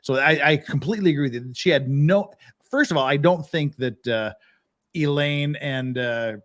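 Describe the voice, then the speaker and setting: A man's voice: on the high side, moderate pace, no room sound, studio quality. A man hosting a casual panel discussion in conversational speech. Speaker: panel host.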